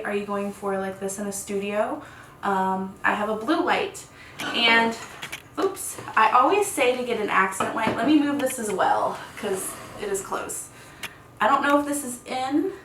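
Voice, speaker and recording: A woman's voice: fairly high pitch, sharp tone. Chatty woman, echoey distant room. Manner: chatty, rambling, laughs often. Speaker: content creator teaching lighting. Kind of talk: casual tutorial. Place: home room set. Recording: echoey room, distant mic, faint hiss.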